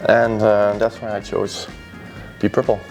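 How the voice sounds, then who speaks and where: A man's voice: fairly low pitch, little pitch movement, a little slow, darkish tone, faint music behind. Thoughtful man. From Belgium. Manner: thoughtful, rambling with fillers. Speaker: musician. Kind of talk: casual chat about favorite records. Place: record store.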